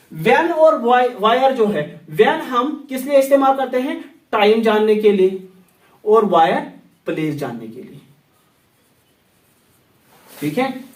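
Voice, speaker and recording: A man teaching English grammar in Hindi, slowly repeating example sentences. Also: very high-pitched, recorded from a distance. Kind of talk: grammar lesson explained in Hindi. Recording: echoey room, set back from the mic.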